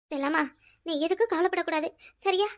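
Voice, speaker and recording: A woman voicing an elderly, protective mother in a cartoon drama, speaking softly and fondly. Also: extremely high pitch, fast. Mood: tender. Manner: soft, doting, tearful at times. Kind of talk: cartoon voice acting.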